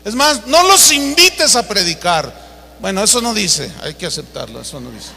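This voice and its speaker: A man's voice: high-pitched, sing-song, moderate pace, creaky, pushed and bright, slight background noise. A man preaching a sermon, emphatic and acting out stories as he goes. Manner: emphatic preaching with acted-out anecdotes. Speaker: pastor. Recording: reverberant hall.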